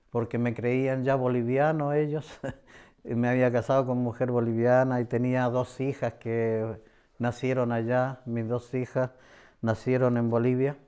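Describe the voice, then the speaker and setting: A middle-aged church member with a Chilean Spanish accent gives an earnest, repetitive personal religious testimony. His mid-range voice is warm, mellow, smooth and clear. Between phrases he often pauses on hesitant fillers.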